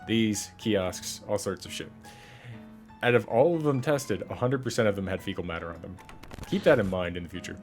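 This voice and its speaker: A man's voice: fairly low pitch, lively intonation, normal speed, soft background music. Joking man rambling through a game. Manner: joking, rambling asides to viewers. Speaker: gaming streamer. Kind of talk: casual let's-play commentary.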